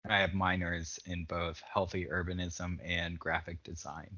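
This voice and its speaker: A young man with a very deep voice and a bright, forward tone answers panel questions. His manner is relaxed and casual, with a few fillers along the way. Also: normal speed. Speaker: architecture student.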